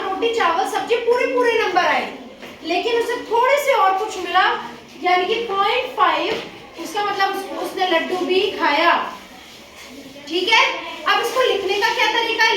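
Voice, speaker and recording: A woman teacher with a very high voice, quizzing her class with steady questions as she explains. She is captured from a distance in a bare, echoing classroom. A noise floor runs behind her. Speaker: school teacher. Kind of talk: classroom lesson. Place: school classroom. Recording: echoey classroom from afar, noisy.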